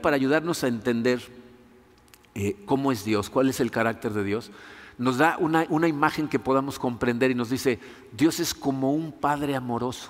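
A man preaching a sermon as a pastor, conversational and often asking his listeners rhetorical questions. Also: on the high side. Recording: long hall reverb.

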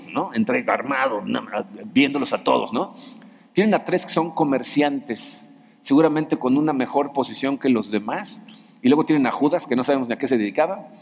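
A man's voice: medium pitch, slightly rough. A man preaching a sermon in a church hall, in a conversational style with frequent rhetorical questions. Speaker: pastor.

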